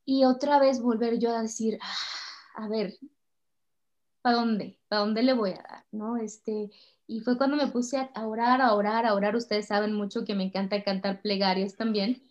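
A woman's voice: a little high, steady tone, normal speed. Chatty Mexican woman, slightly muffled. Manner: warm, chatty, emotional storytelling. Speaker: singer interviewee. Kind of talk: casual interview chat. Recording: slightly dull lo-fi sound.

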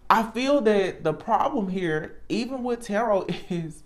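A tarot reader speaks in a casual, reflective way at a middling pitch. The delivery is earnest and emphatic, with halting phrases and repeated words as thoughts get worked out aloud. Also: expressive. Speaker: tarot reader, channel host.

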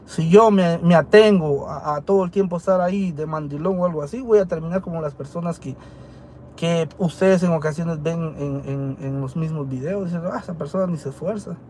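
A man's voice: a little high, moderate pace, mellow, a little hiss or hum. A man from Guatemala with a Guatemalan Spanish accent, telling his side of a story to camera in an earnest, defensive way and often stopping to rephrase. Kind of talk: casual talk to camera. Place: dental clinic waiting area.

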